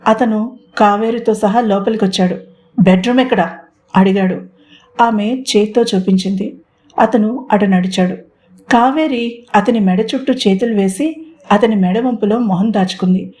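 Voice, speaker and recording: A woman narrates an audio story with expressive, steady storytelling. Her voice is mellow and warm, never bright, set at an ordinary middle pitch. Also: normal speed. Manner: expressive storytelling, mixing in English words.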